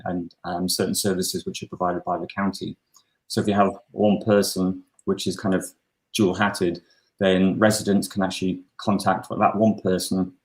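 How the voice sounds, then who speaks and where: A man from Newcastle upon Tyne with a faint Geordie accent, a local councillor talking over a video call, halting with many fillers and restarts. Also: low voice, rough recording. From Newcastle upon Tyne, England.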